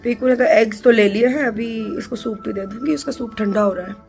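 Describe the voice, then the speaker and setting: A woman's voice: fairly high pitch, fairly quick, creaky, faint music behind. A woman filming a casual family vlog at home at night. She chats to her phone camera about her family, slips English phrases into her talk, and keeps her voice down to hide a surprise. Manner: chatty, mixes English phrases into Hindi; talks quietly to keep a surprise secret. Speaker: family vlogger and mother.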